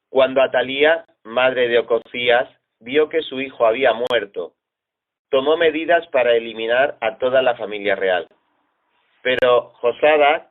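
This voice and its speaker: A man with a Spanish accent reading Bible chapters aloud in a steady, unhurried way, phrase by phrase. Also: mid-range voice. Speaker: Bible reader. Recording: tinny phone-like audio.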